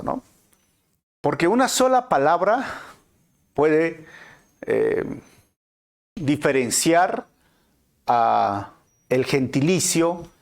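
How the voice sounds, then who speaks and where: A man with a Peruvian Spanish accent teaching a Bible passage in a conversational way, often checking in with his listeners. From Peru. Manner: conversational, frequent tag questions, animated swings in pitch. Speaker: pastor.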